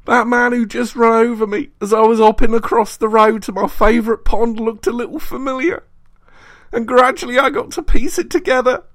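A man voicing a vengeful, hateful male spirit in an audiobook, rasping and menacing, building to bellowing rants. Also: on the high side, animated, a little slow, fairly bright tone, no room sound, pitched above the performer's own voice. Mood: ranting. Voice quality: rasping, hissing voice. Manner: menacing, rising to bellowing shrieks. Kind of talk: audiobook character voice.

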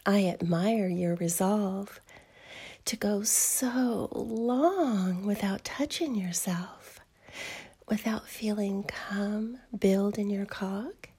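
A woman plays an adult female fairy who teases and dotes in a whispered audio roleplay. Her medium-pitched whisper is soft and breathy, slow and coaxing, and the voice is exaggerated.

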